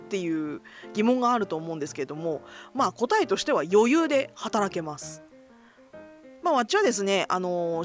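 A middle-aged woman hosting a casual solo radio-style talk, self-deprecating and joking, mixing polite forms with slang. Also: medium pitch. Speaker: host of a solo voice blog.

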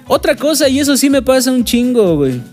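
This podcast host from Mexico City speaks chilango Spanish in a very high, sing-song voice, fairly quick, with a darkish tone. His casual talk is full of slang, swearing, and fillers. A studio microphone captures him over soft background music.

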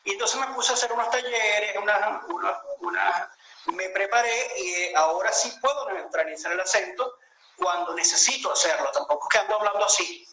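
A Venezuelan man in his late thirties speaks in a high, bright voice, thinking aloud and restarting his sentences. His video call sounds roomy and echoey, with a faint hiss behind him. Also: animated, brisk. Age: 30s. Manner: reflective storytelling, many hesitations and restarts. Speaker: interview guest. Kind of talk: conversational interview over a video call.

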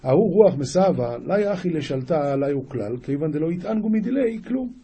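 Animated and fairly high-pitched, with a mellow, breathy edge, a rabbi reads an old religious passage in his daily lesson. He explains it phrase by phrase, repeatedly restarting and self-correcting.

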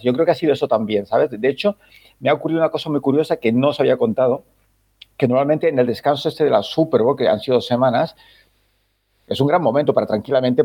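A man's voice: medium pitch, warm tone, slightly rough. A man on a football podcast panel, explaining things patiently in casual chat, often ending with tag questions. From Spain. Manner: explains patiently, many filler "no?" tags.

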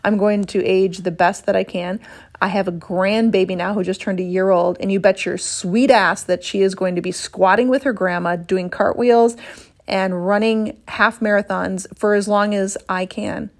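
A woman in her fifties, a fitness coach talking casually to her viewers at a medium pitch. She is blunt and fired up, swears in passing and lets out exasperated sighs as she pushes her point. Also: fairly even intonation, normal speed. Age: 50s. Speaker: women's health and fitness coach. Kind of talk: casual monologue to camera.

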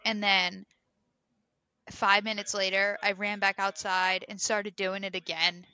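A young woman casually telling a story on a podcast, animated and full of fillers. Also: medium pitch, clear, resonant tone. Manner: animated, filler-heavy storytelling with quick bursts. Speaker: podcast co-host.

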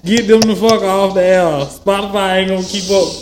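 A man's voice: high voice, steady tone, normal speed, reverberant, background noise. A man hosting a casual podcast, joking around and laughing often as he talks. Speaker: podcast host.

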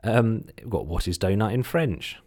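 A man's voice: lowish voice, lively intonation, normal speed, a little mellow. A man with a slight Suffolk English accent giving a casual instructional podcast talk, chatty and full of self-deprecating asides. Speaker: podcast host, content marketer.

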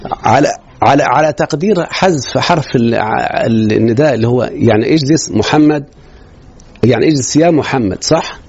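A man's voice: medium pitch, moderate pace, darkish tone, slightly rough. A man with an Egyptian Arabic accent teaching a grammar lesson in a classroom, quizzing students with rhetorical questions. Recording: dull lo-fi recording.

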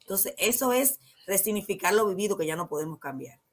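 A woman with a Dominican accent appears as a guest counselor on a talk show, explaining ideas calmly like a teacher and answering her own questions. Her voice is medium-pitched and a little fast.

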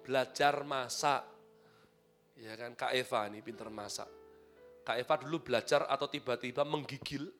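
A man preaching a sermon, lively and animated, dropping to quiet asides and then rising to loud, emphatic bursts. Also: medium pitch. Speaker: pastor.

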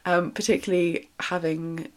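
A woman's voice: lowish voice, level tone, moderate pace, a little mellow. A woman, chatting casually and upbeat as the host of her own solo podcast, with a lingering cough in her throat. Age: 20s. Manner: chatty, upbeat, lots of fillers and little laughs.

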